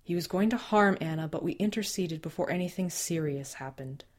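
A woman voicing a calm, formal male agent who speaks in a careful, deadpan way. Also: lowish voice, a little fast, lightly acted. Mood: measured.

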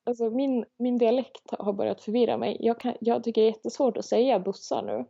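A woman's voice: on the high side, steady tone, gravelly, mellow, husky, highs cut off. A woman co-hosting a podcast in casual chat, joking and swearing offhandedly. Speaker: podcast co-host.

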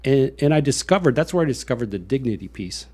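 Hosting a conversational interview with personal reflection, a man from Iowa with an American accent talks fast in a mid-range, expressive, darkish voice. He is earnest yet wandering, circling back to the same phrases.

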